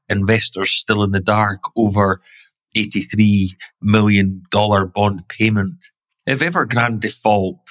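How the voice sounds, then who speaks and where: A man hosting a podcast, reading scripted financial commentary in a measured, wry way and stressing key words. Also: on the low side, fairly bright tone, dry recording. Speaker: podcast host.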